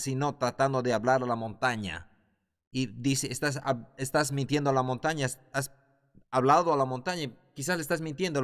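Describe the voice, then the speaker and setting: A man teaching a Bible class in a fervent preaching style, building to loud exclamations. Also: medium pitch. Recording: long hall reverb.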